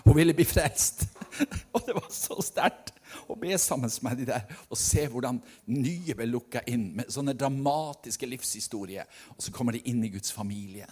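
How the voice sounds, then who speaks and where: Husky preacher. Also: male voice, mid-range voice. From Norway. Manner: earnest storytelling, swings between loud and hushed. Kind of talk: sermon.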